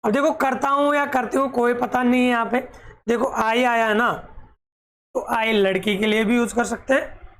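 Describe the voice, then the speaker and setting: A woman teaching a children's English poem, calling her young pupils fond pet names and dictating meanings slowly. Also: on the high side, steady tone. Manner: slow, spelled-out dictation of meanings.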